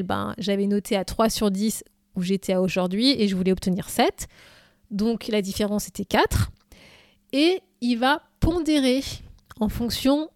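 A woman's voice: mid-range voice, a little mellow, dry recording, studio quality. Woman host talking listener through a method. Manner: methodical, addresses listener informally, frequent fillers. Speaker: podcast host. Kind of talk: solo podcast coaching talk.

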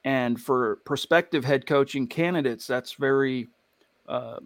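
A man's voice: mid-range voice, unhurried, no room sound. American man hosting emphatic sports talk, dry sound. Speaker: sports livestream host. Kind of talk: casual sports talk and commentary.

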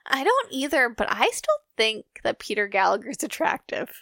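A woman's voice: on the high side, very animated, moderate pace, pushed and bright, no echo, clean studio sound. A woman in her thirties co-hosting a podcast, chatting casually and rambling with fillers. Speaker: podcast co-host. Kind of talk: casual chat.

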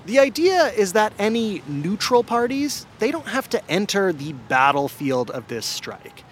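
Male radio host, scripted narration, slightly high voice, animated pitch. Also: unhurried, a little hiss or hum. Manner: lively, storytelling delivery.

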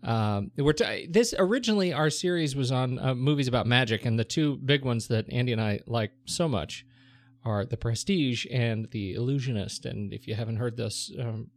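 A man hosts a podcast in loose, casual chat, rambling and hesitating along the way. His mid-pitched voice has some gravelly creak. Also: moderate pace. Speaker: podcast host.

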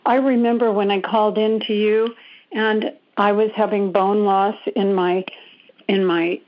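A woman's voice: mid-range voice, steady tone. Sex: woman. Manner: grateful radio show caller. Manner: grateful, talks in halting restarts. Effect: radio show caller heard over a phone line. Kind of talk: casual call-in chat with the host. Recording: dull lo-fi phone line.

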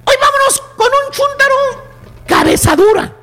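A man with a Mexican accent hosting a comedy radio show, mocking and rowdy, often breaking into shouts. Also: extremely high pitch, animated, moderate pace, soft background music.

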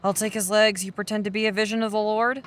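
A woman's voice: mid-range voice, flat delivery, fast, lightly acted. An actress playing a blunt, foul-mouthed young woman who leads the group with impatient exasperation. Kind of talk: audio drama acting.

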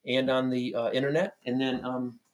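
Male podcast guest, halting conversational delivery. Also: medium pitch, little pitch movement. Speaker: podcast guest, doctor and author. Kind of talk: conversational interview.

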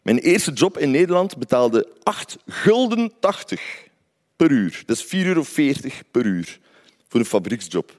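A man's voice: mid-range voice, big pitch swings, a little slow, darkish tone. A man from Ghent with a Flemish accent, telling a personal story in a conversational way with wry asides to his listeners. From Belgium, Ghent.

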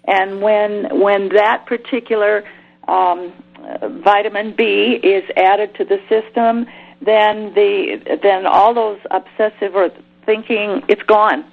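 A woman, a guest expert on a radio call-in show, explains treatment over a clipped phone line, pausing often with ums and restarts. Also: mid-range voice, fairly even intonation, creaky.

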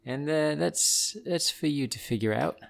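The host of a children's animal podcast tells animal stories in a playful, theatrical put-on accent, his voice on the high side with vocal fry and a measured pace. He narrates informally for listeners from indoors beside a wood stove.

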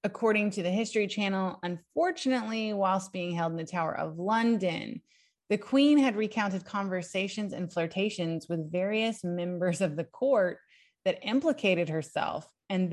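Excitable woman telling history stories. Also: mid-range voice, moderate pace. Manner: excitable, giggly storyteller. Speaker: podcast co-host. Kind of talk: casual chat, reading history notes.

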